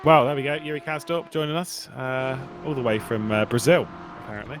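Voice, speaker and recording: A man's voice: mid-range voice, fairly quick. A man commentating an online race broadcast in a casual, chatty way, laughing and restarting his sentences. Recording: steady background noise.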